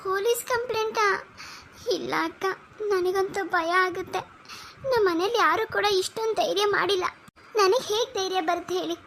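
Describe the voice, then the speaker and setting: A woman's voice: very high-pitched, normal speed, a bit bright, a little hiss or hum. A woman voicing a timid, tearful young woman. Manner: tearful, pleading.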